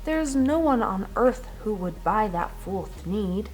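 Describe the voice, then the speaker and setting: A woman's voice: mid-range voice, lively intonation, a little slow, noisy background, close to an everyday voice. A woman voicing an indignant storybook creature who guards the trees, scolding and pleading with emphasis.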